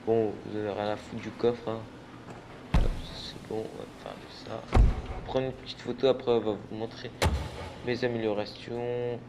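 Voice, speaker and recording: Young male gamer, mid pitch, rambling and tired, stumbles and swears, noisy game sound behind. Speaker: gaming channel host. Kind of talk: casual gameplay commentary. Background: racing game car and engine sounds.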